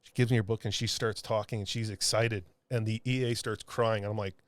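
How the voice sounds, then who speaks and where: A man, a comic book artist, telling a heartfelt story in a podcast interview, halting with many restarts and fillers. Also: fairly low pitch, steady tone, no room sound. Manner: earnest, heartfelt.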